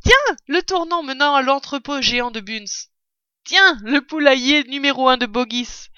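A woman's voice: high voice, expressive, normal speed, sharp tone, no echo, lo-fi sound, voice pushed up. A woman voicing a bold, clever male fox who leads his family, in a cheery, rousing storybook manner. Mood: eager.

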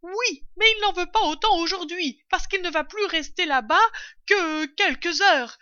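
An impatient lady of the house calls down loudly in a high, bright voice, as a woman acts her out. She gives orders in a storybook. The sound is dry and a little dull. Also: measured pace, no echo, exaggerated voice. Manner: loud, impatient, calling out. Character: commanding lady of the house, calling from upstairs. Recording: dull lo-fi recording.

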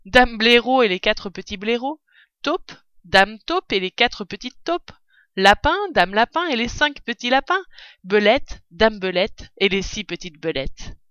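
A woman narrating a children's storybook in an expressive, animated way. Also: mid-range voice, clear, resonant tone, no room sound, highs cut off. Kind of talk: storybook reading.

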